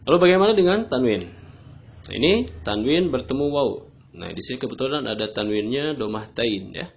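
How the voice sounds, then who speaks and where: A man teaching tajweed rules patiently, often pausing on "nah, gitu ya" as he explains. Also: medium pitch, very animated, vocal fry. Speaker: Quran recitation teacher. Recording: dull lo-fi recording.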